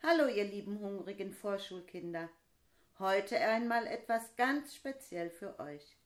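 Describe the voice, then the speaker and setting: A woman presenting a children's program, gently addressing preschoolers directly. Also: mid-range voice, lively intonation, measured pace.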